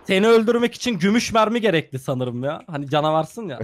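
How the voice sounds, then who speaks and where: A young man with a high voice talks fast, his pitch swinging widely, as he plays a game with a friend over a noisy background. Acting as the guest gamer in this casual gameplay chat, he teases his buddy and cracks mock-serious jokes.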